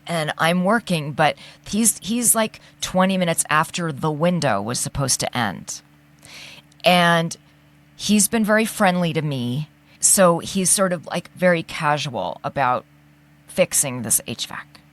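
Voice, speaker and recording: A woman in casual conversation, an animated storyteller who acts out the people she quotes. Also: low voice, unhurried. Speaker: podcast co-host.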